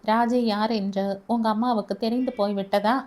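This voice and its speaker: A woman voicing a caring young man who speaks softly and coaxingly in an audio story. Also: mid-range voice, fairly even intonation, moderate pace, close to an everyday voice. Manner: soft, coaxing.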